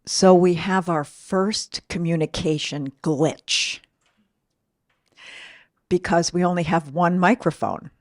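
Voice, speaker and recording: Lower-pitched woman presenting informally. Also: slow, pauses often, darkish tone, no room sound, clean studio sound. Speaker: co-presenter from a deaf services center.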